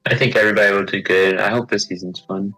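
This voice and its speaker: Deep-voiced tired young man, bright tone. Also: steady tone, quick pace, faint music behind, poor audio. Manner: hesitant, many fillers and restarts. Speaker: guest. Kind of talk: casual chat.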